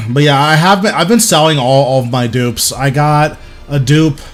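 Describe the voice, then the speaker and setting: A man's voice: on the high side, moderate pace, soft background music. A young man giving casual, rambling live commentary while streaming a video game. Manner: rambling, thinking aloud, informal.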